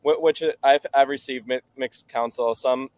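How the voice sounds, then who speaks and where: A man's voice: medium pitch, fairly even intonation, normal speed, a little mellow, no room sound. A man of nineteen, a talk show guest, earnestly explaining at length in casual answers. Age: late teens.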